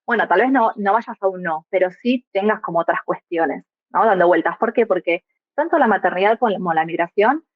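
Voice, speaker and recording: A young woman from Argentina, a migrant mother appearing as a podcast guest, speaks briskly in a mid-range voice with lively intonation. She is reflective, sprinkling in tag questions with her Argentine Spanish accent, and the lo-fi recording has no room sound.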